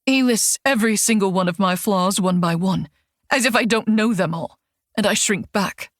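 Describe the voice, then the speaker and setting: A woman's voice: mid-range voice, normal speed, no echo, clean studio sound. A woman narrating a first-person audiobook in a wry, sardonic tone. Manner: wry, sardonic inner monologue.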